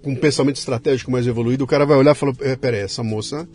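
A man's voice: mid-range voice, racing, husky, faint music behind. A man with a Brazilian accent hosting a podcast interview, telling stories and acting out the quotes. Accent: Brazilian Portuguese. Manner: animated storyteller, acts out quotes. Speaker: podcast host. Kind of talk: conversational interview.

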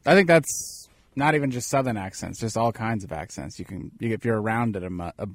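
A man's voice: lowish voice, lively intonation, fairly quick, no room sound. A man co-hosting a radio show, chatting in a laid-back, matter-of-fact way. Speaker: radio co-host. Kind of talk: casual sports radio chat. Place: studio.

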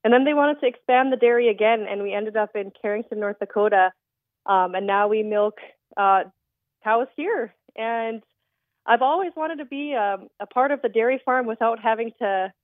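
A woman's voice: fairly high pitch, moderate pace, no echo. A young woman from the Netherlands, a creamery owner, explaining her work as a guest on a radio phone interview, with frequent ums. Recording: tinny phone line.

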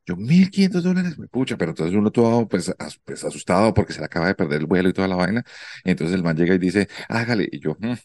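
Deep-voiced Colombian man telling a story. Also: fast, dry recording. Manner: animated, acts out voices in anecdotes. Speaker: radio show host. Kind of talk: casual comedic storytelling. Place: outdoors in the street.

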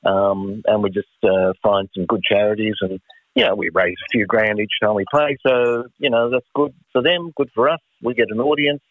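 An Australian man in his sixties talks over a thin, narrow phone line. His voice is fairly low and very dry, with no room sound. He reminisces casually, like a musician being interviewed. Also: fairly even intonation, moderate pace, no echo. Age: 60s. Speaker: musician guest. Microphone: phone call.

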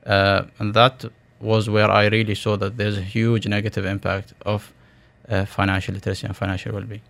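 Male tech-founder type, interview guest: low register, very little inflection, startup-pitch vocabulary, hesitant phrasing. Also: little pitch movement, fairly quick, gravelly, a bit bright. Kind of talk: radio interview.

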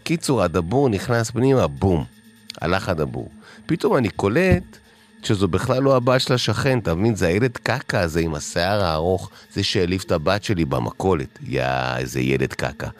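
A man playing an overexcited acquaintance who rambles and keeps saying "listen". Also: deep voice. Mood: excited. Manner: excited, keeps repeating "listen". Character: overexcited man raving about his vacuum.

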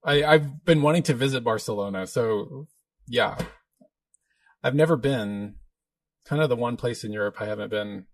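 A man's voice: medium pitch, normal speed, pauses often, no echo. A man hosting a live question-and-answer stream as a minister, chatty and joking, laughing often. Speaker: podcast host, minister. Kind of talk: live Q&A chat.

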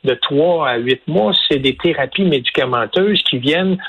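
A man with a Québécois French accent, a business association president interviewed on the radio, explaining his points deliberately with many fillers and restarts. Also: fairly high pitch, expressive, a bit bright, slightly rough, low-quality recording.

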